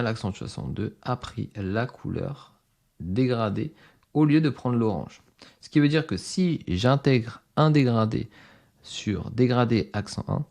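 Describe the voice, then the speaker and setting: An online course instructor with a fairly low, gravelly voice guides viewers step by step through a software screen-recording tutorial. He explains each setting by speaking directly to them.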